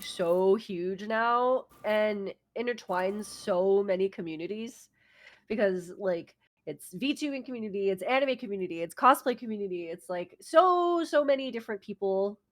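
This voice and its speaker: A woman's voice: mid-range voice, expressive, unhurried. A woman chatting casually as a laid-back VTuber guest in an interview, giggly and loose in her phrasing.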